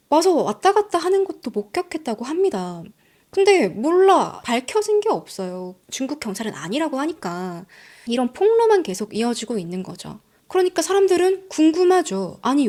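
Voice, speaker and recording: Animated woman telling a true-crime story. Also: a little high. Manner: dramatic, drops to whispers for emphasis; conversational, addresses viewers directly. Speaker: channel host.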